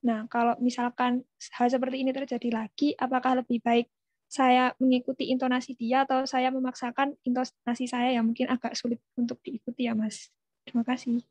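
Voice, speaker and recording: A woman's voice: high-pitched, flat delivery, fairly quick, darkish tone, no echo, lo-fi sound. A young woman asking a question in a webinar, politely and hesitantly, with many fillers.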